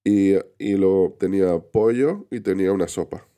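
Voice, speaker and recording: A man's voice: moderate pace, warm tone. A man hosting a casual live stream, unwell, rambling and greeting viewers by name. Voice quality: deep voice. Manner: rambling, reads viewer names aloud, many restarts. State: unwell, recovering from illness. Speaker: livestream host reading chat.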